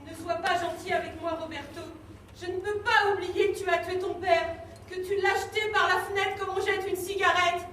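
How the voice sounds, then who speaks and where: A woman's voice: very high-pitched, flat delivery, moderate pace, a bit bright. An amateur actress playing a middle-aged mother, grieving and frightened, who scorns her son on a stage. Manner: scornful outbursts and frightened pleading. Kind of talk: live stage play. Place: theatre stage. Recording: echoey room from far off, faint noise.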